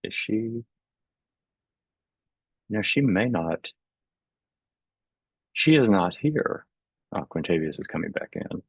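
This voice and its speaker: Low-voiced chatty man hosting a video call. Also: expressive, slow, creaky, pauses often, husky, dry recording, muffled recording. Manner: chatty, laughs often, many filler words like "like". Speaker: host and moderator of an artist talk. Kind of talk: casual presenting.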